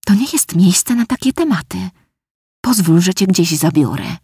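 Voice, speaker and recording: A woman's voice: fairly low pitch, expressive, moderate pace, mellow, husky, no room sound, clean studio sound, voice pushed up, exaggerated voice. A woman reading a nervous, evasive young man. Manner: placating, nervous. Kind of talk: audiobook character voice.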